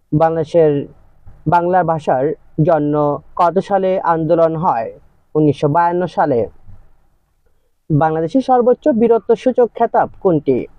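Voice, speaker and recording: A man tutoring for a job exam, reading general knowledge questions and then their answers in a measured, plain tone. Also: a little high, no room sound, highs cut off.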